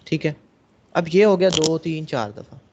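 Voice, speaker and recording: With a fairly high, slightly mellow voice at a normal pace, a man teaches a programming class to students in a classroom. He works through each step, asking the class questions and then answering them on his own. The recording is dull, with slight background noise.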